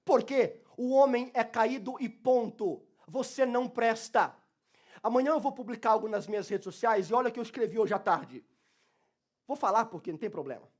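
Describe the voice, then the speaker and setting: A man, a pastor preaching a church sermon with passion, going from soft talk to shouting. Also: very high-pitched, normal speed.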